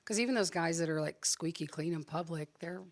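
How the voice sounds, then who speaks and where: A woman from southern Ohio with a low voice and an Appalachian accent. She talks in a casual, conversational podcast style. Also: brisk, no echo. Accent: Appalachian twang of southern Ohio. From southern Ohio, United States. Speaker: stand-up comedian, podcast guest.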